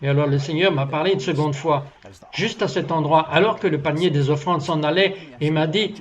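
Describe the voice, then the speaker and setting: A man's voice: on the high side, fairly quick, highs cut off. A man giving a French voice-over of a guest's testimony, telling it earnestly and acting out its dialogue. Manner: earnest storytelling, acts out the dialogue of his story.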